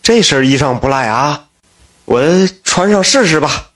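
A man's voice: medium pitch, big pitch swings, a little slow, fairly bright tone. A man voicing an old landlord father who coaxes and hesitates as he speaks. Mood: curious. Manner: coaxing, hesitant.

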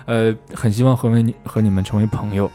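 A man hosting a podcast who explains English pronunciation in a relaxed, chatty, rambling way. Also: on the low side, a little fast, faint music behind. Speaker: English teacher, podcast host.

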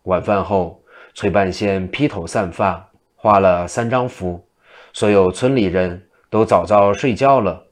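A man tells a classic tale in a steady, vivid way. His voice sits low. He narrates with a practiced storyteller's pacing. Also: measured pace.

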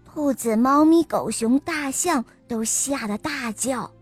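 A woman telling a bedtime story to children in a warm, sing-song way. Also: high-pitched, takes it slowly, slightly rough, no room sound. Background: faint music.

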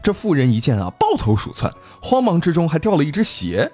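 A man's voice: fairly high pitch, huge pitch swings, brisk, warm tone, soft background music. A man hosting a podcast, retelling an old folk tale casually with jokes and asides. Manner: playful, joking asides. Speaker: storytelling podcast host. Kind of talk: casual storytelling with banter.

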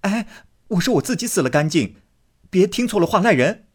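A man's voice: mid-range voice, sing-song, normal speed, husky, voice pushed up. Coaxing young nobleman, voiced by a man. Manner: pleading, placating.

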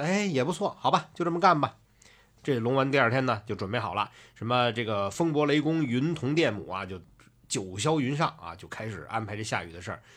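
A man's voice: fairly low pitch, fairly bright tone. A man telling a classic tale in a chatty way, with many fillers and asides. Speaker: storyteller. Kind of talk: casual storytelling narration.

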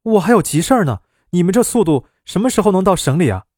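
A man voicing a calm, self-assured young woman who works as a driving instructor, in a storybook reading. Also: fairly high pitch, no room sound, clean studio sound. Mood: impatient. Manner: bold, brisk and self-assured.

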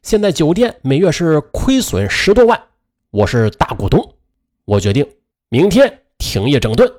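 A headstrong middle-aged woman lays down the law to her family, her voice pushed a little higher and louder, as a male storyteller puts her on. She speaks in a firm, declaring manner. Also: wildly swooping pitch, a little slow, heavily acted. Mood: firm declaration. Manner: assertive, declaring. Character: stubborn middle-aged woman, hotel's main shareholder.

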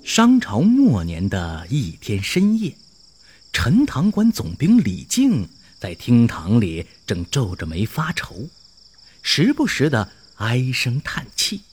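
A man narrating a scripted children's story in an expressive way, drawing out his exclamations. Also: medium pitch, slow pace, a little hiss or hum.

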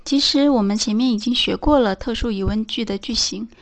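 A woman teaching English in a scripted lesson, reading out example phrases slowly and clearly. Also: fairly high pitch.

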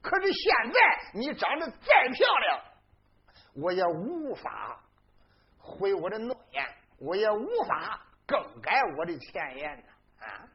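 A boastful old commander bellows and scolds in a high voice that leaps and dives across its whole range, as a storyteller puts him on. The colours every word. The recording sounds dull and lo-fi. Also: male voice, huge pitch swings, takes it slowly, full character voice. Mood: musing. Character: boastful old male foreign commander, blustering.

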